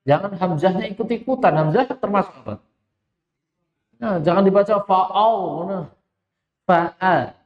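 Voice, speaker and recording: High-voiced man teaching Quran recitation. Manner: explains rules, then chants verses slowly and drawn out; laughs while telling an anecdote. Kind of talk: tajweed lesson with recitation. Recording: echoey hall, dull lo-fi sound.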